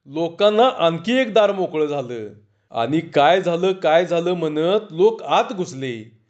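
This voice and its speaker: A man narrating a humorous folk story in an expressive, lively storytelling style. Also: on the high side, measured pace, dull audio.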